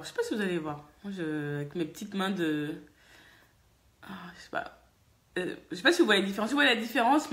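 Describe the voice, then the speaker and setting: A French woman vlogger from France, telling a casual, chatty story and laughing often. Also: medium pitch. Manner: lively, chatty, laughs often, many fillers. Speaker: vlogger and hair-care business owner.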